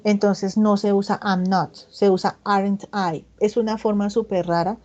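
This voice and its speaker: Woman tutor, mellow dull-sounding online class. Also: mid-range voice, little pitch movement. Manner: explains step by step, often checks in with "¿listo?"; reads English example sentences slowly and with emphasis. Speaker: English tutor.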